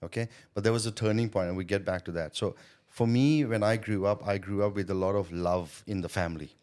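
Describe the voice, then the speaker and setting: A man with a low, darkish voice and a steady tone speaks a little fast as a guest in an interview. Thai-born and India-schooled, he is a sales coach and business owner reflecting earnestly on his business and childhood, often adding "right?" and "you know".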